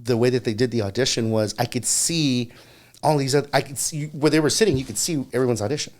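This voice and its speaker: A man's voice: medium pitch, fast talker. A man, an actor, telling a long anecdote in a casual interview, full of "you know" fillers. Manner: animated anecdote-telling, acts out quoted voices. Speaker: actor guest.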